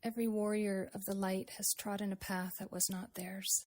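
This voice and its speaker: A female meditation guide with a breathy, husky mid-range voice leads a slow guided meditation and recites a poem, speaking evenly, gently and unhurriedly with generous pauses.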